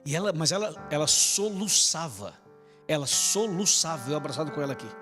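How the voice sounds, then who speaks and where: With fairly high pitch and a fairly bright tone, a pastor tells his congregation a story in the sanctuary, animated and brisk, acting out the exchanges and turning to address them. The room gives long reverb, and piano music plays in the background.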